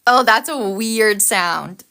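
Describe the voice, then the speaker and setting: A woman's voice: medium pitch, lively intonation, slow pace, pushed and bright. A woman hosting a casual planner livestream, chatty and upbeat, reacting to viewers' comments while she decorates.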